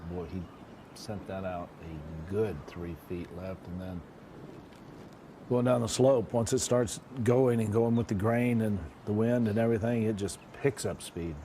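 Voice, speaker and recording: A man's voice: fairly low pitch, fairly even intonation, measured pace, dark tone, slight background noise. A man giving conversational live golf commentary, repeating phrases for emphasis.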